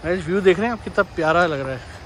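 Talking very fast in an expressive voice that sits high, a young man from India narrates a casual travel vlog, chatty and enthusiastic. He films on his phone from a car and later beside a river, and the outdoor audio carries loud background noise.

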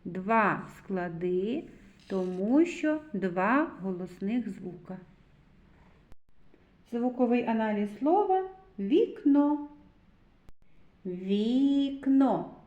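A woman's voice: mid-range voice, sing-song, slow, darkish tone. A woman kindergarten teacher giving a literacy lesson to preschoolers, spelling out sounds carefully and praising the children. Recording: echoey, slightly dull recording.

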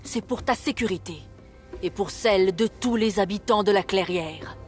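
A woman's voice: mid-range voice, normal speed, close to an everyday voice. A woman voicing a stern, protective elderly male mouse uncle in a storybook game, speaking curtly and scoldingly over game music.

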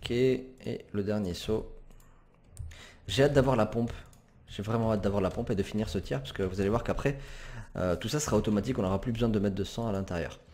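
A man's voice: lowish voice, brisk, a little mellow. A man commenting as he plays a game, hesitant and chatty, with many fillers and self-corrections. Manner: apologizes for swearing, casual and chatty. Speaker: gamer commentator. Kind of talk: let's play commentary.

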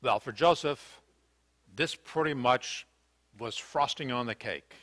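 Speaking slowly in a mid-range, slightly bright voice, an older man from the United States preaches in an indoor church sanctuary. His sermon is earnest and questioning, full of hesitant fillers and restarts.

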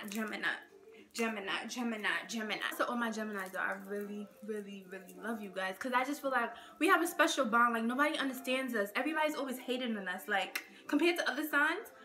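A young Nigerian vlogger chats to camera indoors in front of a plain gray backdrop, her voice high-leaning, pushed and bright. Her rambling get-to-know-me video is full of "like" and "okay."

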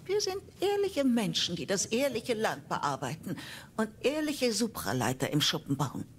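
A woman's voice: on the high side, wildly swooping pitch, moderate pace, slight background noise. A woman voicing a sweet, folksy old farm woman in a video game, homely and politely scolding. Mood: homely pride. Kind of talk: video game voice acting, German dub.

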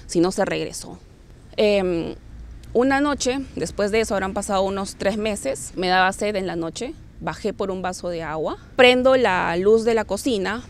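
Peruvian woman telling her own spooky story, gravelly fry in the voice, acts out the voices and goes hushed in the tense bits. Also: mid-range voice. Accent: Peruvian Spanish. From Peru. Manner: vivid retelling, acting out quoted voices and dropping to a hush. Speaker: guest telling a personal paranormal experience. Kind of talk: first-person storytelling.

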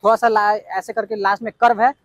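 Eager high-voiced man, rapid talk. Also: flat delivery, fairly bright tone, dry recording. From Bihar, India. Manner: eager and hyped, often repeats key points with "yes indeed". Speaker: vlogger. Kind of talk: on-location walkaround vlog. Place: outdoors at a street-side building site.

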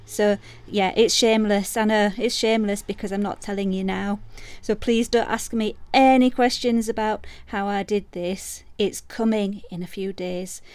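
A middle-aged woman chatting in a casual craft vlog, bubbly and chatty, sometimes dropping to soft murmurs. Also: fairly high pitch, dry recording. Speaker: resin artist vlogger.

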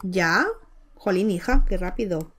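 A woman's voice: lowish voice, expressive, unhurried, a bit bright, slightly rough. A woman from giving chatty, affectionate gameplay commentary as a Let's Play host, cooing over a baby character with many exclamations.

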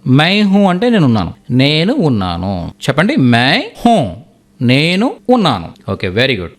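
A man teaching a Hindi lesson, explaining slowly and repeating each word for learners. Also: fairly high pitch. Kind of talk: spoken language lesson.

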